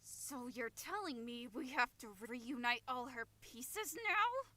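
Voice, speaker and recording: Actress as a dramatic squeamish girl, bright, very slow whiny reads. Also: high-pitched, sing-song, exaggerated voice. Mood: exasperated.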